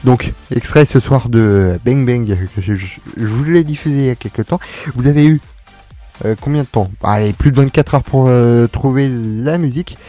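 A man hosting a radio show in a casual, joking way, stumbling over his words and filling pauses as he goes. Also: medium pitch, dark tone, soft background music. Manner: halting, full of fillers and restarts; joking, self-mocking. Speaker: radio host.

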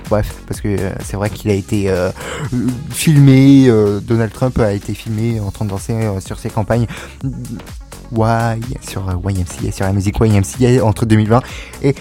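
A man's voice: lowish voice, fairly even intonation, normal speed, dark tone. A young man hosting a casual radio show, reading music news with many fillers and joking asides.

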